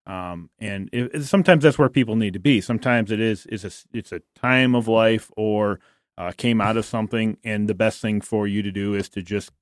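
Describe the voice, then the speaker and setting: A man from with a slightly low voice, speaking in a casual podcast chat about church life. He talks thoughtfully and haltingly, restarting his sentences often. The sound is dry and close. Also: no room sound. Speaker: guest.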